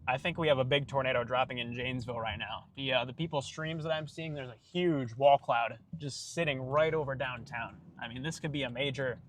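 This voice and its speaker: A male storm chaser narrates live from a moving vehicle. His medium-pitched voice is urgent and anxious, speaking as a commentator on the road. Clear car noise runs behind him. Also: steady tone, brisk, hardly any pauses, fairly bright tone.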